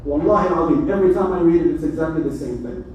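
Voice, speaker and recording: A man preaching as an imam in a mosque, animated and joking as he speaks. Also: on the high side, very fast, lo-fi sound, slight background noise. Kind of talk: mosque sermon. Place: mosque hall. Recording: echoey hall, mic from far.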